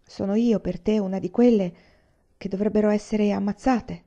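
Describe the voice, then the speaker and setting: Woman reading as a soft stubborn wife, sweet unyielding voice, dark mellow tone, storybook reading. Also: medium pitch, steady tone, moderate pace, close to an everyday voice. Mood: sad. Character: quiet, stubborn Japanese wife, adult woman. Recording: slightly dull lo-fi recording.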